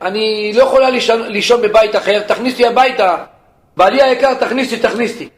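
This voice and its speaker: A man voicing a wife who begs in a high, pleading voice. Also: lightly acted. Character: pleading wife begging at the door. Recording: echoey room, faint rumble.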